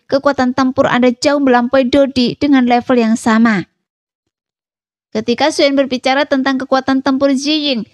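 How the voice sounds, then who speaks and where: A woman with a high voice narrates a fantasy story in an even, read-aloud delivery. The sound is dry and close, with no room around it. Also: no echo. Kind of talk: scripted narration.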